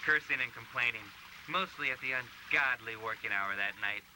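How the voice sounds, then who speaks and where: A man giving dramatic, wry scripted narration for an animated short. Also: medium pitch, normal speed. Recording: hissy VHS tape rip.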